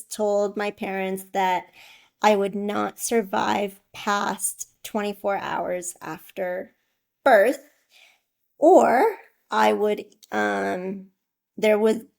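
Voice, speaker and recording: A woman in her twenties from Iraq speaks as a podcast guest, telling her story slowly and thoughtfully. Her voice carries a noticeable gravelly fry. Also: mid-range voice, darkish tone. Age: 20s. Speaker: guest, author. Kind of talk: interview.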